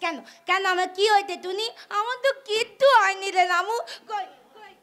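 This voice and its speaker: A woman's voice: extremely high pitch, steady tone, normal speed, bright, forceful tone. A woman playing a childlike, lisping sick girl. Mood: stubborn, then fearful. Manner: childish lisping baby talk. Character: sick, childlike young woman, playful and stubborn. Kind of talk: live jatra stage acting.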